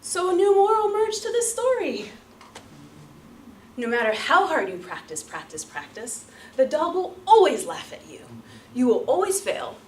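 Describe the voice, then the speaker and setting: Her voice sits high as she delivers a rehearsed, dramatic story to a room full of listeners, a public speaker at her most theatrical. Expect emphasis, very lively intonation, deliberate repetition and measured pauses, all picked up by a distant microphone with roomy acoustics and faint background noise.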